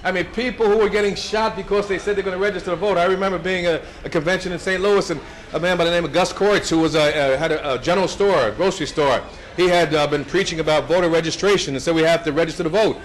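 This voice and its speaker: Speaking fast in a high-sitting voice, this seventies-aged man from the United States gives an anecdotal storytelling speech at a brunch. He chuckles often and keeps starting over.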